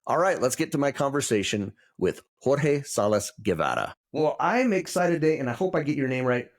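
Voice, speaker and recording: A man's voice: mid-range voice, very animated, a little fast. A man hosting a travel podcast, reading his intro and welcoming a guest in an enthusiastic, friendly way. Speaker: podcast host. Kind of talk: upbeat podcast intro and interview.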